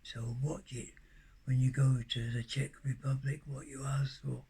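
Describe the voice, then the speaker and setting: A man hosting a monk's podcast, telling a rambling personal anecdote in a halting way, with restarts and occasional coughs. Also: mid-range voice, level tone, creaky, slightly rough. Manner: gentle closing blessing. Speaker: monk podcast host.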